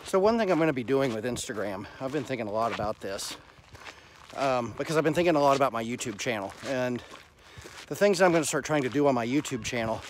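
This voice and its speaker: A man's voice: mid-range voice, lively intonation, fast talker. A middle-aged man chatting casually and bluntly to his phone camera while out walking, with salty everyday language. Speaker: vlogger. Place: outdoors on suburban sidewalks and park paths. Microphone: phone at arm's length, wired earphones worn. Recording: noisy outdoor phone recording with traffic.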